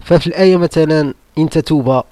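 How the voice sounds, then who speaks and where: A man's voice: on the high side, fast, mellow. A man with a Moroccan accent hosting an online debate room, arguing in a combative, mocking way full of rhetorical questions. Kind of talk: argumentative live-room monologue.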